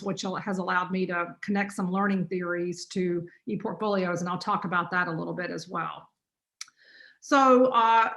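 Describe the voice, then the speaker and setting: Fast-talking woman with a North Carolina accent. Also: mid-range voice, sharp tone. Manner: fast-talking, chatty, with many fillers. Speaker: college business teacher presenting. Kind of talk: online conference presentation. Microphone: computer mic on a video call.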